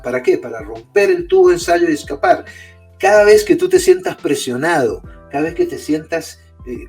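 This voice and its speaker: A man with a slightly high voice and a very lively pitch, explaining his ideas as a guest author. He keeps posing questions and answering them himself, checking in with a quick "¿sí?". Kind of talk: explaining in an interview.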